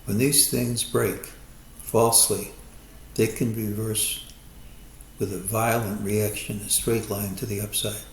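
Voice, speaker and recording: A man with a lowish voice walks through a stock chart and lays out his market forecast. He talks in a measured, hedging way and weighs every possibility. The recording has a roomy echo and a faint hum of ambience behind it. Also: level tone, creaky. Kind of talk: chart analysis monologue.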